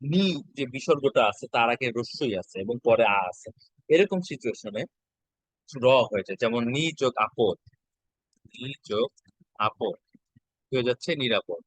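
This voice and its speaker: A man's voice: medium pitch, normal speed, long pauses, no echo, low-quality recording. A male teacher, giving an exam-prep lesson and patiently repeating each step.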